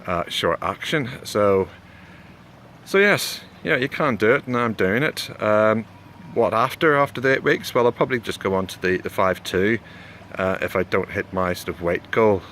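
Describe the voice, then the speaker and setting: A man, talking casually and haltingly in a rambling vlog, often repeating words. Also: on the low side, fairly bright tone. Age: 40s. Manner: hesitant, halting, with repeated words and frequent "you know". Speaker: video blogger giving a health update. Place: outdoors near a road. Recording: clear background noise, outdoors with passing traffic.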